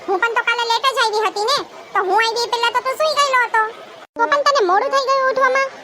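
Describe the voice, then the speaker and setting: A woman's voice: very high-pitched, fairly even intonation, quick pace, voice pushed up. A woman playing a bossy, scolding cartoon wife. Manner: scolding, taunting. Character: bossy sharp-tongued young wife. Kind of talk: cartoon voice acting. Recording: noisy background hiss.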